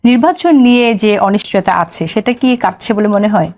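A woman hosting a talk show, asking measured questions. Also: mid-range voice, a little mellow. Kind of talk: interviewing.

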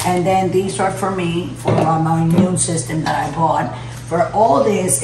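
Chatty woman in an echoey room. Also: fairly low pitch. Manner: chatty, rambling, listing prices with fillers. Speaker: cooking channel host. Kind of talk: casual grocery haul vlog. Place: home kitchen room. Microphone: phone camera held by someone else. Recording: echoey room, camera at a distance, background noise.

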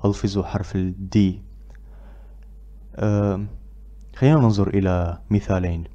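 A man teaching English pronunciation, who repeats drill words loudly and pauses with filler sounds between phrases. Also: low-pitched, fairly even intonation, lo-fi sound. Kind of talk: pronunciation lesson.

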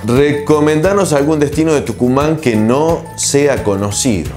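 A man in his forties with an Argentine accent, answering interview questions in a relaxed, reflective way with frequent filler pauses, on a lapel mic in a small studio. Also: fairly high pitch, over music. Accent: Argentine Spanish. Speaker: TV host and producer, interview guest.

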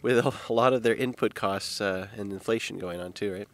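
A man's voice: fairly low pitch, moderate pace. A young man interviewing a guest outdoors with a handheld mic, conversational and agreeable. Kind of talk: interview questions. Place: outdoors on a lawn.

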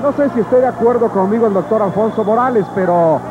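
A man's voice: sits high, fast. A man with a Mexican accent calling live wrestling play-by-play as a commentator. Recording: dull lo-fi old TV broadcast, noisy arena. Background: loud arena ambience.

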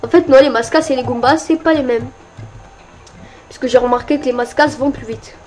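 Excitable high-voiced woman gaming. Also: brisk. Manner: excitable, frequently yelling and cursing at enemies. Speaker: let's play gamer. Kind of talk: casual gameplay commentary.

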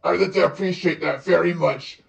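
Brief: woman voice actress, relaxed slow chat, gravelly edge, roomy echo with faint music behind. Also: lowish voice, recorded from a distance, dull audio. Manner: slow, chatty, laughing often. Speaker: voice actress reacting to a fan-made premiere. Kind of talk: casual vlog reaction.

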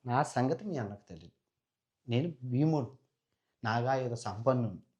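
A man's voice: medium pitch, animated, normal speed, a little mellow, highs cut off, close to an everyday voice. A man voicing a boastful, defiant hero who threatens a demon in a told folk tale.

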